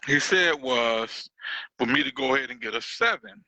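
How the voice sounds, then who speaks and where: A man recounts his past as a guest in a relaxed chat, his voice strikingly bright and forceful. The sound is dry and close, with no room around it. He rambles easily, with plenty of fillers. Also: medium pitch, normal speed, creaky, no echo, rough recording. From Detroit. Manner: laid-back storytelling with fillers. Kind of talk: casual conversation. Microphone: own mic on a call.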